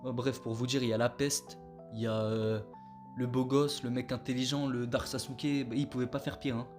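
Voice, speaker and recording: On his channel, an anime YouTuber chats casually about a show in a casual review vlog, his mid-range voice flat and his pace moderate. He's slangy and laid-back, tossing in self-mocking jokes as clear background music plays under him.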